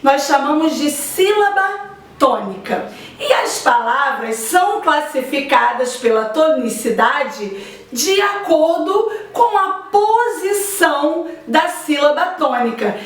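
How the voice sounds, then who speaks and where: A woman teacher gives a slow, deliberate grammar lesson and stretches out her example words. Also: sits high, lively intonation, recorded from a distance. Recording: echoey room, voice off-mic.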